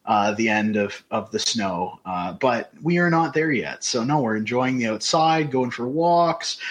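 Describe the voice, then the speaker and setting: A man's voice: medium pitch, animated, unhurried. A man co-hosting a podcast, chatting casually in a rambling, conversational way. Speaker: podcast co-host. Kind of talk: casual chat.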